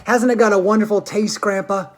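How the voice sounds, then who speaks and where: A woman's voice: medium pitch, steady tone, brisk, lightly acted. A woman reading the lines of an eager young boy in a wide-eyed, earnest voice.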